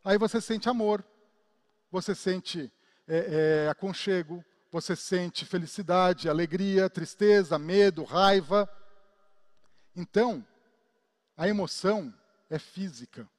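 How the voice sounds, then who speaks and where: A man with a Brazilian Portuguese accent teaching a class, animated, acting out examples and asking his listeners questions. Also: high voice, slow, pauses often, in a large hall. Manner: animated, acts out examples and asks the audience questions. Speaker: instructor. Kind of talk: lecture to a class.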